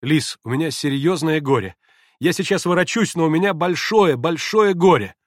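A man reads aloud, voicing an earnest, remorseful young man who pleads anxiously. The delivery is expressive and moderately paced, pitched on the high side, above the performer's own voice yet close to an everyday voice, with clean, echo-free studio sound.

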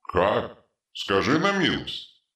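A man voicing a huge troll who has suddenly become clever, speaking in slow, measured, pedantic phrases. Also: fairly low pitch, wildly swooping pitch, sharp tone, roomy sound, full character voice. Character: huge male troll, suddenly brainy and precise.

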